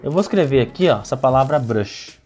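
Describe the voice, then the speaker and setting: A man's voice: mid-range voice, lively intonation, fairly quick, a little mellow, soft background music. A Brazilian man with a Brazilian Portuguese accent, teaching lettering and explaining while he demonstrates, often checking in with the listener.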